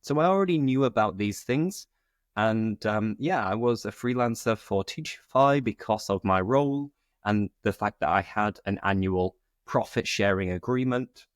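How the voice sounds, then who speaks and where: A British man hosting a conversational solo podcast, explaining things informally in clear phrases like a teacher. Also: fairly low pitch, moderate pace, no echo, clean studio sound. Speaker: podcast host and English teacher.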